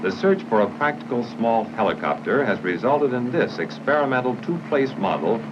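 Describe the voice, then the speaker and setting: Heard on a muffled, noisy old soundtrack, a medium-pitched American man narrates a 1950s military training film in a formal, instructional, measured way, with animated delivery.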